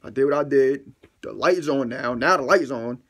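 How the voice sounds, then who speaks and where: A young man telling a funny story on camera in a casual, slangy, profane way, acting out his own reactions and jumping into high squeals. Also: fairly quick. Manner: animated, acts out his own reactions with sudden loud squeals; slangy, profane, self-mocking.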